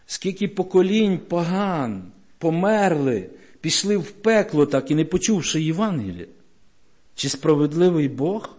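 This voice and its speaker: Man, preacher, sermon, fairly high pitch, emphatic, rhetorical questions, church. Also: lively intonation, unhurried, darkish tone.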